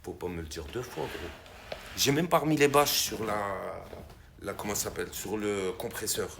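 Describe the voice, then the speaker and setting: A man a gravelly, creaky voice flecked spins a long personal anecdote. He talks in a loose, conversational way and throws his voice high and loud whenever he imitates the people in the story. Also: normal speed, a little hiss or hum. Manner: animated, acts out quoted voices with big pitch jumps. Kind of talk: casual spoken anecdote.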